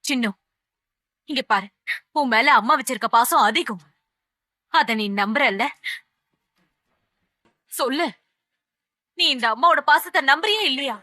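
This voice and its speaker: A firm, protective mother who is a lawyer lectures her daughter in a TV serial. Her voice is high and bright, and the sound is close and dry. She drops in English phrases to make her point. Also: animated, measured pace, long pauses, no echo, full character voice. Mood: consoling. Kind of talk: TV serial drama acting.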